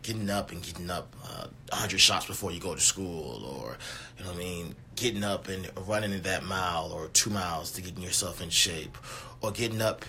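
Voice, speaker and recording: A man's voice: low-pitched, fairly quick, pushed and bright, a little hiss or hum. A young man from Richmond, guest on a podcast, speaking earnestly with many fillers and repeated phrases. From Richmond, Virginia. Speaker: YMCA sports director, guest. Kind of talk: casual interview.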